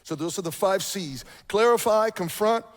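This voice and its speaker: High-voiced man preaching in a reverberant hall. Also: moderate pace. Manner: animated preaching with repeated key points. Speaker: pastor. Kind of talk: sermon. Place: church sanctuary.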